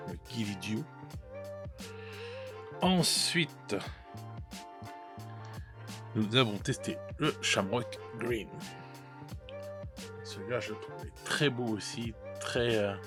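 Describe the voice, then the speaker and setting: A man casually reviewing paint colors, chatty and hesitant, with many fillers and restarts and self-mocking laughs at his own mistakes. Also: fairly low pitch. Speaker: miniature painting youtuber.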